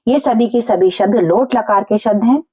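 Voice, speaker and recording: A woman teacher explaining a school lesson to children, going slowly and repeating each point in simple words. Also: on the high side, dark tone, breathy edge.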